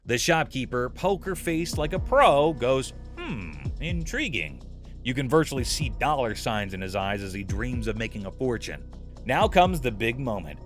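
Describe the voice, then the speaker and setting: A narrator delivers a scripted comedy recap in an animated, up-and-down mid-range voice at a moderate pace. He plays up jokey comparisons and exaggeration while soft music sits faintly behind him.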